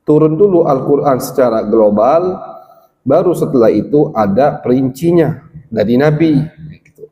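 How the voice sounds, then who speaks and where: This male religious teacher's mid-range voice carries a warm tone and lively intonation as he delivers a study lecture. He quotes Arabic passages, translates them, and explains each plainly at an unhurried pace. The recording, made in a village gathering hall, has a long hall reverb.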